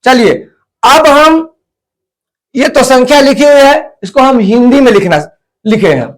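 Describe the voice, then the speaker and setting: A man with a high voice teaches a math lesson. He talks slowly and deliberately and counts off each step, repeating it so that children can follow. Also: animated. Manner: slow, deliberate, repeats place values step by step.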